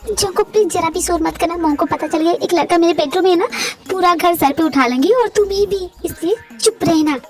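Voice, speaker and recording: A woman's voice: extremely high pitch, brisk, darkish tone, faint music behind. A woman voicing a feisty young college heroine in an amateur fan dub, speaking in a sassy, teasing way.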